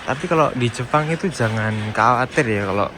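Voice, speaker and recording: A man with a brisk, mid-range voice narrates a casual travel vlog from train stations and platforms, with noise in the background. He chats easily with his viewers, talking to them as if they were friends.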